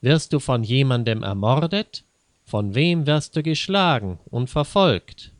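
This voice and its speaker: A man's voice: medium pitch, animated, measured pace, no echo, clean studio sound, close to an everyday voice. A man voicing an indignant middle-aged mother who scolds sharply in a read-aloud story. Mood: horrified.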